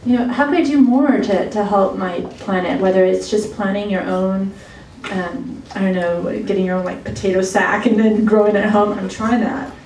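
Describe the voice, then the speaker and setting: A woman's voice: medium pitch, fairly even intonation, moderate pace, a little mellow. A woman moderating a summit and introducing speakers, rambling with many restarts. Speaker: event moderator. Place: college event hall. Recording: roomy hall, mic far off.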